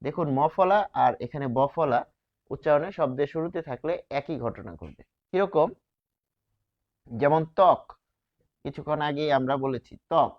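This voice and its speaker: A man teaching a grammar lesson, posing rhetorical questions and answering them, stretching key words slowly. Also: fairly high pitch. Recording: dull lo-fi sound.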